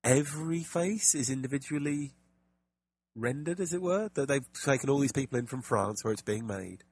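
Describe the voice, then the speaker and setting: A man's voice: mid-range voice, expressive, moderate pace, husky, dry recording. A man co-hosting a casual gaming podcast, chatty and jokey, with plenty of fillers and restarts. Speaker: podcast co-host.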